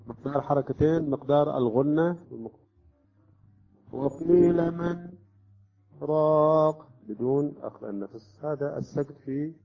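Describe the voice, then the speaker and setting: A man teaching Quran recitation rules step by step, often checking with his listeners. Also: a little high. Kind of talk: tajweed lesson explanation. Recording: dull lo-fi recording.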